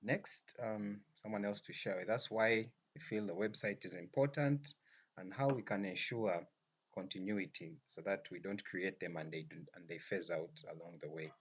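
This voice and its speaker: A man leading an online class discussion, taking turns and summing up students' points in a measured way. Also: low-pitched, breathy edge, muffled recording. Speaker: lecturer. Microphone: video call.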